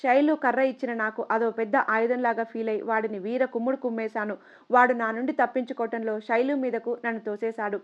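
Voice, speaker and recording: Woman reading a story out loud, steady, kinda high voice, dull lo-fi audio. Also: a little fast. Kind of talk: first-person story narration.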